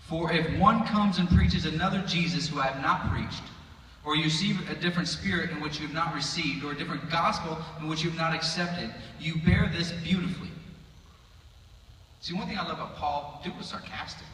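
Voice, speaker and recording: A man's voice: fairly high pitch, brisk, pushed and bright, a little hiss or hum. A man giving a casual sermon in a chapel, reading scripture and making joking, sarcastic asides, recorded on a phone from the audience. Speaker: preacher. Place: chapel hall. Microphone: audience member's phone from far off. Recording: echoey hall, phone from far off.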